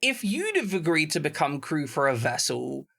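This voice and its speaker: A man's voice: on the high side, huge pitch swings, normal speed, gravelly, bright, forceful tone. A man narrating as game master of a tabletop game, chatty and full of asides. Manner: explains at length, chatty with many asides.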